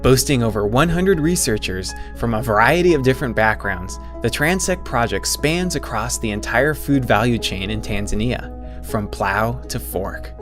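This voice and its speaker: A man's voice: mid-range voice, expressive, normal speed. Male documentary narrator over music.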